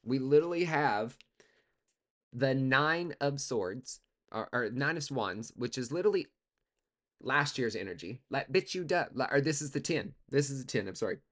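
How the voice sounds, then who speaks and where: A man giving a casual tarot reading, talking in a profane, sassy, coaching way, swinging between loud bursts and quiet asides. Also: medium pitch, animated, moderate pace. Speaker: tarot reader.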